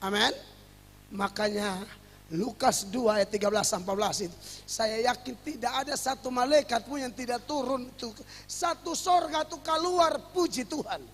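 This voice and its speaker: A man preaching a sermon as pastor, lively and humorous. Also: extremely high pitch, moderate pace, husky, in a large hall.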